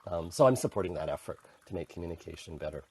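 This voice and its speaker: In a casual podcast interview, a middle-aged Canadian-accented guest who works as an intercultural communication consultant tells his personal story, frequently starting over mid-thought. He speaks animatedly and quickly in a deep, breathy voice, and the recording is dry.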